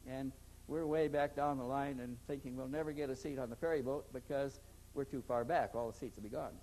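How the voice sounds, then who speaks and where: A man's voice: medium pitch, fairly even intonation, fairly quick, darkish tone, a little hiss or hum, poor audio. An older man telling a long story in a conversational interview, rambling with many restarts. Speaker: interview guest.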